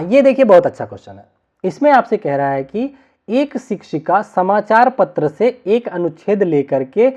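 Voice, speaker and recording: A man's voice: sits high, a little mellow, dull audio. A man teaching an online exam-prep class, explaining each answer and checking in with his listeners, dropping in English words.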